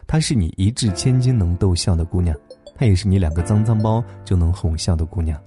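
A man hosting a late-night story program, narrating a gentle tale in a calm, tender way. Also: low-pitched, a little fast. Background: soft instrumental music.

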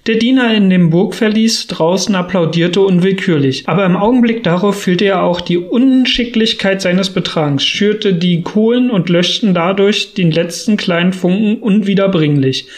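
A man narrating an audiobook in a steady storytelling manner. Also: sits high, normal speed, few pauses. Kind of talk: audiobook reading.

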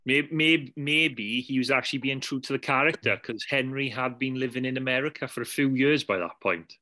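A man's voice: medium pitch, fairly quick, pushed and bright. A man co-hosting a casual film-review podcast, wry and teasing. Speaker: podcast co-host.

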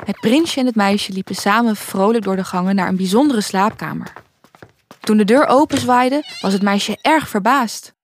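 A woman calmly and gently reading a children's bedtime story aloud. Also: medium pitch, moderate pace, a little hiss or hum.

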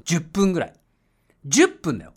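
Guy chatting about a trip, high-ish voice that jumps all over, laughing and yelling bits in english. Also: moderate pace, slightly rough. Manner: lively, laughs often, bursts into loud English shouts when reenacting. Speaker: podcast host. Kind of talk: casual travel storytelling. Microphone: home mic voice message.

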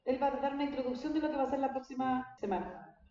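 A woman pastor delivers a conversational church teaching talk, regularly questioning her congregation. Her voice sits high and steady, with a quick pace and dark tone, recorded in a very echoey church hall with a dull sound.

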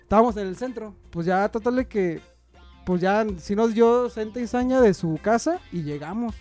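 A young man with a Mexican Spanish accent tells a long, meandering story among friends, with plenty of slang and filler words. His voice sits high for a man, and soft music plays faintly behind him. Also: moderate pace. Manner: rambling anecdote with slang and fillers. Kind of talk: casual storytelling chat.

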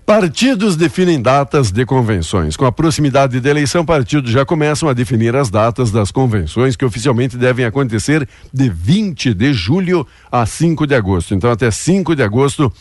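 A man's voice: mid-range voice, animated, fairly quick, few pauses, a little mellow, dry recording, studio quality. A man presenting radio news, moving between headline reading and casual banter.

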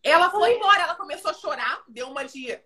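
A woman with a high, bright voice that swings widely as she talks. She tells stories about her makeup work in an animated, theatrical way, full of laughter, in a casual podcast chat. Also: fast. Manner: animated storyteller, dramatic and laughing. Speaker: makeup artist.

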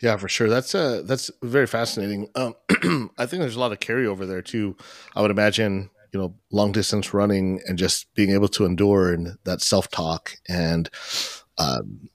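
A man's voice: lowish voice, normal speed, no room sound, studio quality. A man hosting an interview, asking loose, conversational questions. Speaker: podcast host. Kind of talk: casual interview talk.

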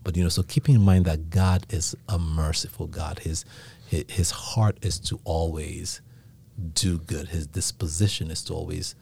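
A man with a Nigerian accent talks through a casual faith discussion in a reflective, teaching way. His voice sits very low and sounds mellow and dark. He checks in with "right?" as he goes. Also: steady tone, normal speed, creaky, slightly rough.

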